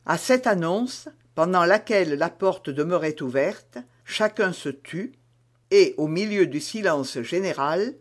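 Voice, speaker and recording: A man narrating a classic novel in a measured, even way. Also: high-pitched. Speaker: audiobook narrator. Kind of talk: scripted literary narration.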